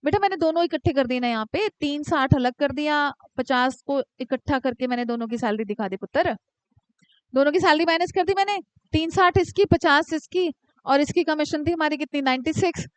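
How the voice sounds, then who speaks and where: A woman teaching commerce to a class, dictating questions slowly and teasing students by name. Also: sits high, no room sound. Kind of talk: live classroom lecture.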